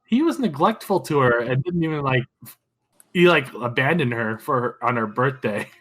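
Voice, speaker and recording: A man co-hosting a movie review podcast in casual chat, animated and laughing often. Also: medium pitch, moderate pace. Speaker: podcast co-host.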